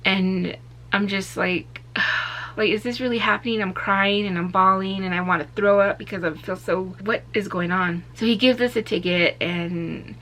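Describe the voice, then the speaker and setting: A woman's voice: mid-range voice, steady tone, normal speed, fairly bright tone. A woman vlogger telling a personal story in an emotional, candid, rambling way. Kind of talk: storytime vlog.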